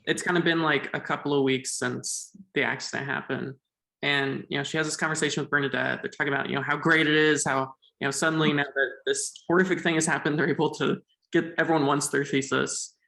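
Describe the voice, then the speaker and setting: A man's voice: on the high side, steady tone, fast, creaky, sharp tone. A man thoughtfully analyzing a film's themes in casual conversation, thinking aloud with fillers. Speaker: podcast co-host. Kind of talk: casual film discussion. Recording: echoey room.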